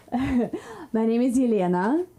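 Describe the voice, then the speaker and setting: A woman's voice: a little high, mellow, rough recording. A woman from Kazakhstan with a Kazakh accent performing stand-up in a comedy club, teasing the crowd.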